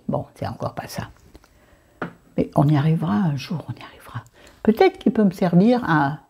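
A woman's voice: low-pitched, mellow, breathy edge. A French-accented woman chatting through a makeup haul, dropping into whispered asides and scolding herself by name. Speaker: beauty vlogger.

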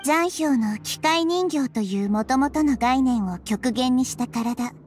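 A woman voicing a small, child-like goddess of wisdom, calm, thoughtful and measured, for an anime-style game. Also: sits high, music in the background. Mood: analytical. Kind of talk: Japanese anime game voice acting.

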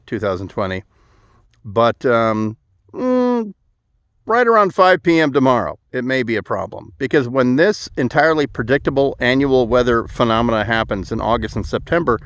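A man's voice: medium pitch, a bit bright, no room sound. A middle-aged man vlogging to a phone held at arm's length outdoors, dry and sarcastic, with many "uh" fillers. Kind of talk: sarcastic to-camera vlog. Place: outdoors at a desert wind farm.

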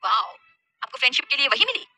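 A woman's voice: high-pitched, sing-song, fast talker, pushed and bright, dry recording, faint music behind, exaggerated voice. A woman voicing a cheeky young girl who teases her brother dramatically. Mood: teasing.

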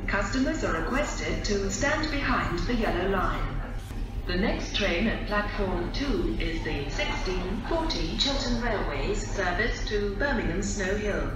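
A woman's voice making automated station announcements over a platform loudspeaker, clipped and evenly paced. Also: medium pitch, expressive, measured pace, music in the background. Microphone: recorded from the platform. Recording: echoey platform, far off, noisy.

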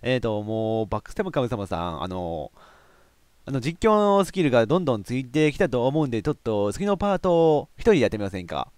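A man chatting with his co-host in a hesitant, halting way, full of fillers and clowning around. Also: mid-range voice, big pitch swings, a little mellow, smooth, no echo, studio quality. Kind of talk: casual chat.

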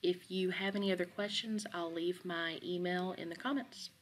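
A woman educator narrating a screen-recorded software tutorial in a relaxed, conversational way with some fillers. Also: on the low side, moderate pace, a little hiss or hum, rough recording. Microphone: computer microphone, voice-over on screen capture.

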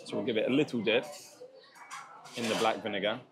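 A man's voice: lowish voice, fairly even intonation, brisk, background noise. A man tasting and describing street food in a casual food vlog, chatty and enthusiastic, laughing at himself now and then. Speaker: food vlogger. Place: restaurant and bakery in Thailand.

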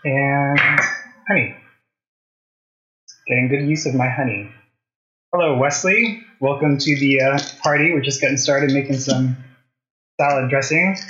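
With a fairly high, fairly bright voice, a thirtysomething man runs a relaxed cooking demonstration at home, asking viewers questions as he goes. The indoor kitchen recording sounds a little dull and roomy.

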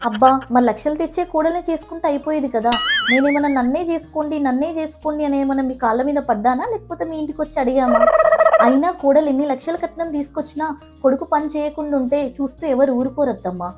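A woman playing a sassy young daughter-in-law who retorts quickly and lectures in a comedy skit. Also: high voice, close to an everyday voice. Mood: lecturing. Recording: dull lo-fi with background music.

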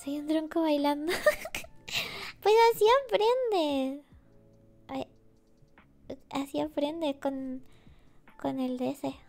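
A woman streamer chatting casually with her viewers in a cutesy, giggly, sleepy and soft voice. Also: high voice, level tone, takes it slowly, vocal fry, pauses often. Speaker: VTuber streamer. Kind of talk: relaxed casual chat with viewers. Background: faint music.

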